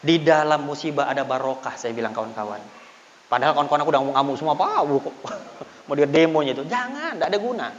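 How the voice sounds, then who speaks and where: A male preacher, telling animated stories in a sermon and calling his listeners "Pak". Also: a little high, quick pace, a little hiss or hum. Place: prayer hall. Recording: reverberant hall, dull lo-fi audio.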